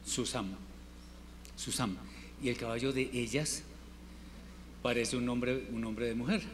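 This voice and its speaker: Slow, patient male teacher in a hall. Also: medium pitch, steady tone. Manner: patient, repeats words slowly for students. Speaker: Hebrew teacher. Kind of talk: classroom lesson. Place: classroom. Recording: reverberant room with faint noise.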